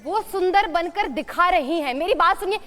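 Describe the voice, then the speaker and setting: A woman's voice: very high voice, moderate pace. A woman panelist in a TV debate, arguing her point insistently. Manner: insistent, argumentative. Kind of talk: heated debate argument.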